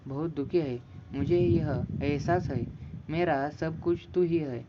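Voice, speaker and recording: A man's voice: on the high side, takes it slowly, dull audio, noisy background. A man voicing an anxious, loving mother who pleads with her son through tears. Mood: pleading. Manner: pleading, emotional.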